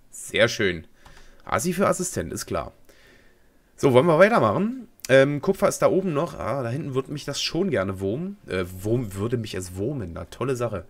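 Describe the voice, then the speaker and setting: A young man giving casual, rambling commentary as he plays a game, slangy and talking to himself. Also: medium pitch. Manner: rambling and slangy, talks to himself while playing. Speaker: gaming video host. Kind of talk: casual let's play commentary.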